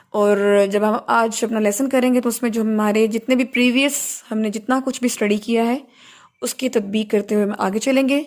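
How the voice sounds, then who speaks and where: A woman with a high, light voice teaching a recitation class. She explains things patiently and slips English terms into her sentences. She puts weight on key words and checks in with her students through questions. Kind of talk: lecture to students.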